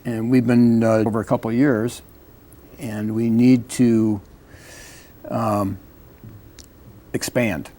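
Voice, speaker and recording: An American man in a casual panel talk, explaining things in a halting way as an advocate on a community show. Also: mid-range voice, level tone, dark tone.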